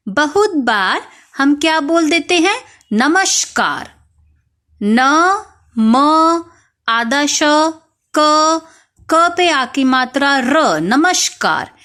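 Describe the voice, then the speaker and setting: A woman teaching young children spelling, slowly spelling out each word letter by letter and asking them questions. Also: high-pitched, very animated, fairly bright tone. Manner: slow, spells words letter by letter, asks questions.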